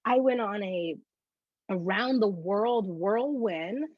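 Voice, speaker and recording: A bubbly woman with a breathy, slightly husky voice recounts her faith testimony as an interview guest. She tells the story in an animated way. The recording is dry and a little dull, lo-fi. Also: mid-range voice, takes it slowly, no room sound.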